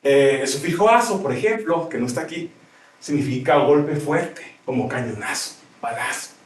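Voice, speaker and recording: In a roomy classroom recorded from a far-off mic, a male teacher gives a grammar lecture in a mid-range voice with lively intonation and moderate pace. He explains as he goes and checks with his students often.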